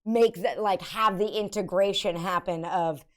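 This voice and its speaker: A woman's voice: medium pitch, measured pace. A woman streamer chatting casually, with an unusual voice that startles people, rambling with lots of fillers and giggles. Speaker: livestreamer reacting to videos. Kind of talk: casual chat.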